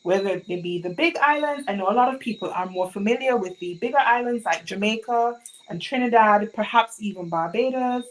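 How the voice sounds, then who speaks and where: Her voice is a little high and a little fast, and the recording quality is low. This young Montserratian woman runs a sewing livestream, chatting away and peppering her viewers with questions.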